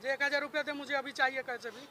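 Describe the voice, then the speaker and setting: A man's voice: very high voice, fairly even intonation, fast, crowd noise. A man stepping into a couple's fight as a stranger, scolding bluntly and swearing. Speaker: bystander mediating a couple's fight. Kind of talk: street confrontation.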